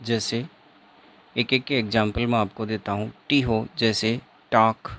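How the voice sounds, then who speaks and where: A man's voice: lowish voice, level tone, measured pace, a bit bright. A man teaching an exam-prep phonetics lesson, repeating each sound and example several times.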